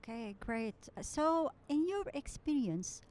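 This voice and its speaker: A woman's voice: sits high, lively intonation, slow pace, darkish tone. A woman hosting an interview podcast, asking questions and encouraging her guest with frequent short affirmations. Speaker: podcast host.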